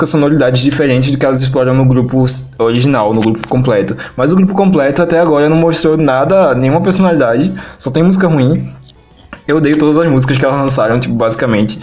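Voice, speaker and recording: A man's voice: medium pitch, quick pace, a little mellow. A man with a Brazilian Portuguese accent co-hosting a podcast, talking in an opinionated, critical way full of fillers. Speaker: podcast co-host. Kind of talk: casual podcast chat.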